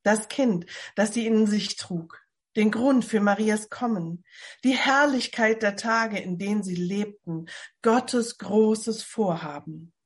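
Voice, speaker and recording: A woman reading a Bible novel aloud from home for a church service, in calm storytelling. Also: medium pitch, takes it slowly, slightly rough. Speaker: lay reader.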